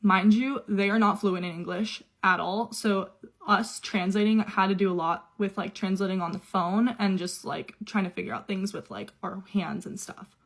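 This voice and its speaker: A woman's voice: mid-range voice, fairly even intonation, moderate pace, creaky. A young woman telling a personal story in a casual, chatty way, full of "like" fillers. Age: young adult. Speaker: au pair telling her story.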